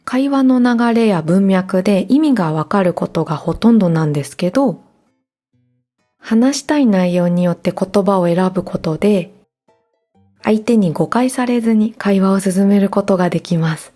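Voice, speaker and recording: A woman hosts a learning podcast in a mellow, warm voice. She explains things clearly and gently in a calm, scripted way. Faint guitar music plays under her. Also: mid-range voice, moderate pace. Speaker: podcast host.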